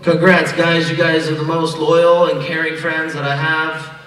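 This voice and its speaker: A man's voice: fairly high pitch, little pitch movement, measured pace, a bit bright. A young man giving a joking, teasing wedding toast as a groomsman. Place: hotel banquet hall. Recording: echoey hall from far off, crowd.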